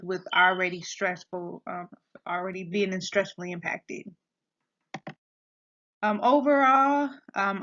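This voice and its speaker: A student gives a class presentation hesitantly, with many filler sounds and restarts. Her voice is mid-range and a bit bright, captured in a dull, lo-fi recording.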